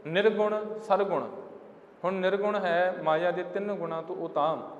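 Brief: male preacher, high voice, chants scripture lines slowly, long hall echo. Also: steady tone, lo-fi sound. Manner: addresses listeners as dear ones of the Guru. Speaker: Sikh preacher giving katha. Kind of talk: sermon explaining scripture lines.

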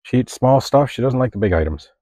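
A man's voice: mid-range voice, animated, fast, warm tone. A man who keeps animals on his farm, explaining things in a plain, matter-of-fact way outdoors. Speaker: animal keeper and farmer. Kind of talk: casual explanation.

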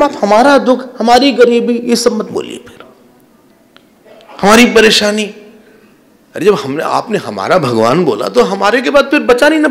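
A man giving a scripture discourse as a swami, animated and teaching with laughs and quoted voices. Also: high-pitched, vocal fry, long reverb tail. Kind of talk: sermon.

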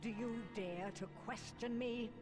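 A woman's voice: on the high side, a little slow, close to an everyday voice. A woman playing a cold, vain evil queen in a video game, with commanding, theatrical, archaic diction. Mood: cold, menacing. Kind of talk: video game cutscene acting. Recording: music over game dialogue.

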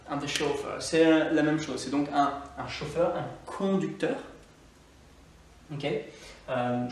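A man with a Scottish accent, an online English teacher giving a chatty, upbeat lesson to camera and repeating key words slowly for learners. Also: mid-range voice, gravelly, a little hiss or hum. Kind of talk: lively language lesson to camera. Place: indoor room, filmed live to camera. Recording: very echoey room, distant mic, faint music.

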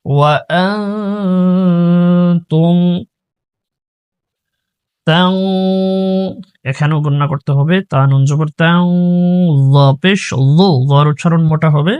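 A man with a Bangladeshi accent teaching Quran reading, chanting the verses slowly and spelling out letters and pronunciation rules. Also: fairly high pitch, steady tone, no room sound, dull audio. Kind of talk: slow recitation lesson with spelling drills.

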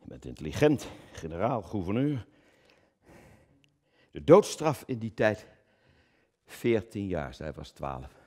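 Give me a man with a lowish, husky voice performing a theatrical monologue, booming one moment and muttering the next. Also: big pitch swings, takes it slowly, pauses often, dark tone. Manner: swings from booming declamation to low muttered asides; stammering, repeats words. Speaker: cabaret performer.

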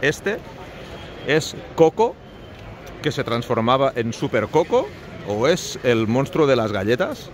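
A Spanish man in his forties, a flea market dealer who vlogs, chats to camera while showing items at a covered flea market, often quizzing viewers and joking about his English. His medium-pitched voice is very animated yet slow, with frequent pauses. Filmed on a phone held at arm's length, the audio carries noisy open-air market background.

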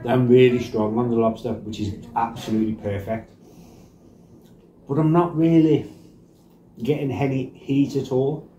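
A man in his forties giving an informal snack review, thinking aloud in short, halting phrases. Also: mid-range voice, fairly even intonation, warm tone, dull audio. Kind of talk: casual food review to camera. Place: small bare indoor room. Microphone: camera across a table. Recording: echoey room with clear background noise.

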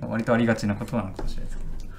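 A man from Kagoshima, a violinist, chatting in a quick, friendly way with hedging asides. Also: on the low side, fairly even intonation, slight background noise. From Kagoshima, Japan. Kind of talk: casual chat.

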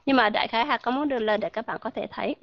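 A woman teaching English pronunciation to an online class, modeling sounds slowly and asking her learners questions. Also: a little high, no room sound, highs cut off.

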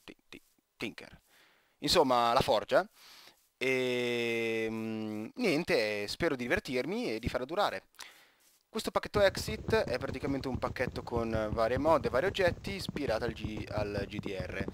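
A man's voice: medium pitch, expressive, a little slow. A teenage man from Italy giving casual, rambling gameplay commentary, often stopping mid-word and joking to himself. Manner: rambling, self-interrupting, joking asides. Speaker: gaming YouTuber.

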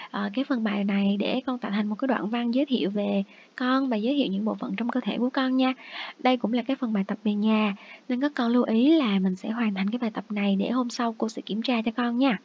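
A woman teacher leads young children through a review lesson, her slightly high, husky voice patient and coaxing. She pronounces each English word slowly and says it again. The recording is muffled and lo-fi.

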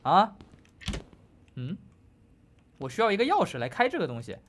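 High, lively young man playing a horror game. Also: moderate pace, slight background noise. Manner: joking, talks to viewers, claims not to be scared, yelps at scares. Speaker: gaming YouTuber. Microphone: headphones on, desk mic.

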